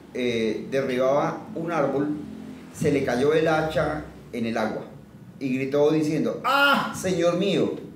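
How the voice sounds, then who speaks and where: Man preaching in an echoey room. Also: a little high. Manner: quizzes listeners and leads call-and-response repetition; reads scripture aloud, then explains it plainly. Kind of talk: interactive sermon teaching. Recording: roomy echo, voice from a distance, faint background noise.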